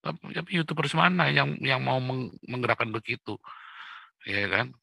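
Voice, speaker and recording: A middle-aged man preaching a morning devotional, blunt and forceful, often asking his listeners "right?". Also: medium pitch, lively intonation, moderate pace, creaky, breathy edge, no echo. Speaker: pastor.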